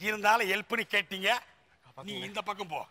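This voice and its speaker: A man performing a stage comedy sketch, loud, exclamatory and whiny. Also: sits high, little pitch movement, fairly quick. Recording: noisy stage with audience crowd.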